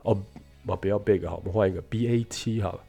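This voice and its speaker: A male teacher with a Taiwanese Mandarin accent walks a student through phonics. His voice sits low and gravelly as he tells a simple story to make a rule stick, and he drops English words in between. Faint music plays in the background. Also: fairly even intonation, quick pace, dark tone. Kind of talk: casual spoken English lesson.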